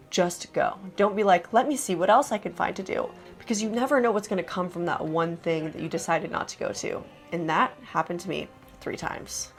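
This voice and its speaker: A young adult woman narrating a casual vlog in a chatty, enthusiastic way, with lots of "like". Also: lowish voice. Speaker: vlogger host.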